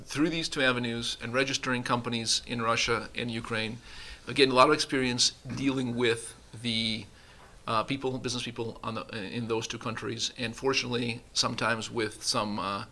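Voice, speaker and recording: This forties-aged vice president talks with sincerity during a conference panel, held in a conference room, stumbling into occasional restarts at an irregular pace. The voice is medium in pitch and creaky with a sharp edge, keeping a steady tone at ordinary speed.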